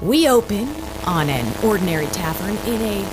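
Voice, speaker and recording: A woman's voice: medium pitch, animated, moderate pace, loud music behind the voice, natural voice, rough recording. A woman playing a game master in an audio drama, narrating theatrically with flustered asides.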